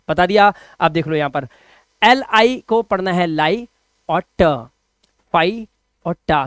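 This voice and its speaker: Young male tutor, smooth clear voice, dry close sound, playful and repetitive. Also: sits high, fairly bright tone, no room sound. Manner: playful, repeats words, scolds viewers to like. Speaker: English teacher. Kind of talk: lively spelling lesson, live stream.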